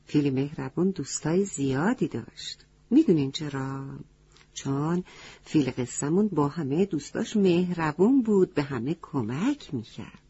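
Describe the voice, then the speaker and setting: A woman telling a story to children. She talks gently and keeps asking her young listeners questions. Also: sits low, expressive, husky. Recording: dull lo-fi recording.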